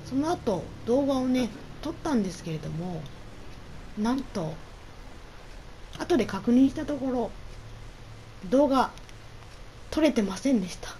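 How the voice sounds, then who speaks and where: A woman's voice: fairly high pitch, animated, a little slow, pauses often, warm tone, slight background noise, low-quality recording. A woman doing casual solo game commentary as host, politely and half talking to herself. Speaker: gaming video host.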